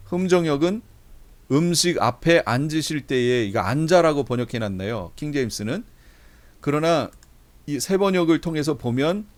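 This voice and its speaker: Man teaching a slow-read Bible lesson. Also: on the high side. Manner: conversational, reads verses slowly aloud. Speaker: pastor teaching a Bible class. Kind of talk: lecture, explaining Bible translations.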